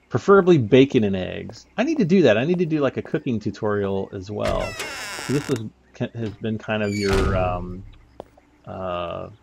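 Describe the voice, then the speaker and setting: Gravelly man rambling over gameplay. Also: on the low side, lively intonation, unhurried, a little mellow, a little hiss or hum. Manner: rambling, chuckles often. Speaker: gaming YouTuber. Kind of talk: casual gameplay commentary.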